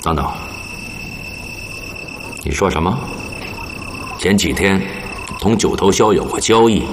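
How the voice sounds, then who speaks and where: An actor playing a commanding army officer in a TV drama, shrewd, measured and decisive as he interrogates. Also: low voice, expressive, background noise. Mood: probing. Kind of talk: television drama acting.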